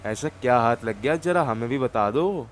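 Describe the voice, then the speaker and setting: A man's voice: medium pitch, animated, normal speed, natural voice. A man voicing a hot-tempered young gang leader who swears and threatens, in a game roleplay. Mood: taunting.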